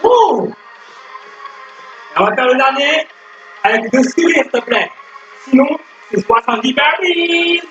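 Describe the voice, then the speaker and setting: A man's voice: very high-pitched, lively intonation, normal speed, bright, forceful tone. A man coaching a workout, energetically calling out commands and counts like a gym coach. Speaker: fitness coach. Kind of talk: workout instruction to camera. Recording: roomy echo, dull sound, music behind.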